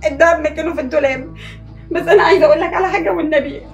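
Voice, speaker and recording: A woman's voice: high-pitched, rapid-fire, distant mic, faint music behind. A woman with an Egyptian accent playing a frightened young wife and mother who pleads and swears oaths. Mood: pleading. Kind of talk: comedy sketch acting.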